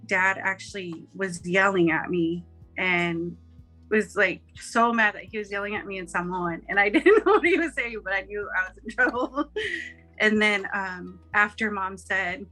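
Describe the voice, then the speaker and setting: Bright-voiced woman, playful and laughing. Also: mid-range voice, moderate pace, faint music behind. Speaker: family member interviewed. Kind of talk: lighthearted interview.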